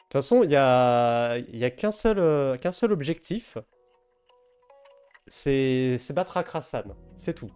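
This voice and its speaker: A man talks loosely and playfully to his stream chat as he works on a drawing. His pitch sits mid-range, and faint music plays behind him. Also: lively intonation, measured pace, a little mellow, clean tone. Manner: chatty, reads and answers chat, teasing. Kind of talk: casual live-stream chat while drawing.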